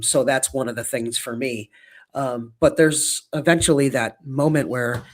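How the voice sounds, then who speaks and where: A man in his fifties co-hosting a casual podcast, speaking reflectively and often pausing on "um" and "you know". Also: medium pitch. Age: 50s. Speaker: podcast co-host.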